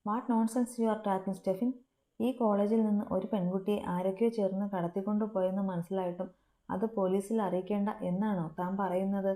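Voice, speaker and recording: A woman's voice: mid-range voice, fairly even intonation, fairly quick, dark tone, close to an everyday voice. A woman voicing an agitated, scolding middle-aged male college principal in a story reading. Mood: stern. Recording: roomy echo.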